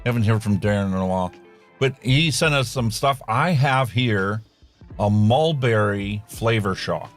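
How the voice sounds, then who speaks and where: A low-voiced man hosting a relaxed, chatty show. He walks through equipment and mixing step by step, with faint music underneath. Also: unhurried. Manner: explains gear and mixing in detail, relaxed and chatty. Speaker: host. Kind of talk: casual chat.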